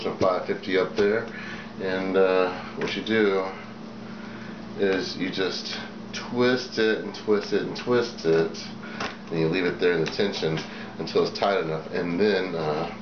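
A middle-aged man hosting a casual show-and-tell video at a table, talking in a plain-spoken, rambling way with many fillers. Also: low-pitched. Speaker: video host. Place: small indoor room at a table. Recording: echoey room, dull sound, background noise.

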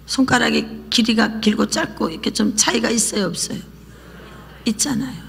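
A woman pastor preaching a lively sermon, often dropping into a whisper and having the congregation repeat after her. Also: fairly high pitch, normal speed, vocal fry, slight background noise. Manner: lively preaching, drops to whispers and calls for repetition. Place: church sanctuary. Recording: church hall reverb.

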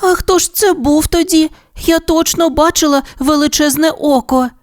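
A woman doing a tiny girl bunny in a children's storybook, voice pitched up high and squealing with wide-eyed eagerness. Every line bursts with curiosity, close and dry on the mic. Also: moderate pace, no room sound, natural voice. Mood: excited.

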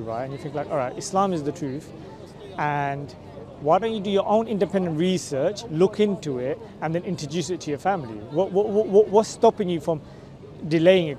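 Here a male street preacher talks with people in a bustling city square, picked up by a camera microphone several meters away. His voice is high and warm, and he keeps pressing his points with persuasive, repeated checks such as "right?".

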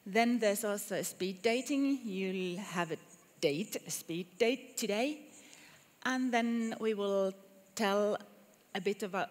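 A woman's voice: medium pitch, slow. A Finnish woman with a Finnish accent leading a conference workshop in English, friendly and hesitant with fillers and restarts. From Finland. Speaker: workshop presenter. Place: conference room with audience. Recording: reverberant hall, faint noise.

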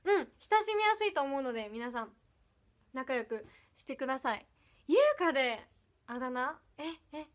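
A high, bright young woman speaks in an Iyo dialect with touches of Kansai, chatting casually on her livestream. She is bubbly and giggly and thanks viewers one by one. Her voice is crisp and lively. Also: moderate pace. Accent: Iyo dialect with some Kansai. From Ehime, Japan. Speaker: idol livestreamer. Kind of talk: casual livestream chat reading comments.

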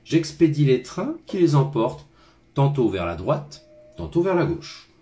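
Guy doing a tired wise switchman from a storybook, matter-of-fact, lively pitch. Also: measured pace, faint music behind. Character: weary philosophical grown man railway switchman. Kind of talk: storybook reading aloud.

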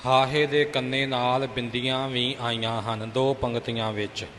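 A man teaching careful pronunciation of scripture, explaining slowly and patiently. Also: mid-range voice, little pitch movement, fairly bright tone, long reverb tail, slight background noise. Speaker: recitation teacher. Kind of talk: pronunciation instruction.

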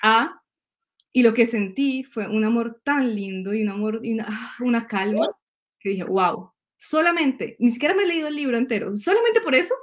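A Colombian woman in her thirties, an astrologer, hosts a relaxed spiritual conversation over a webcam video call from a room at home. Her voice sits a little high at a moderate pace, and she tells stories with animation, laughing often and repeating words in her Colombian Spanish accent.

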